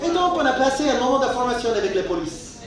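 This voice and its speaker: A man with an American accent preaching a sermon, emphatic and rising to shouts. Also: very high-pitched, very animated, quick pace, a crowd in the background. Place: church hall with a congregation. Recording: echoey church hall, distant mic, audience.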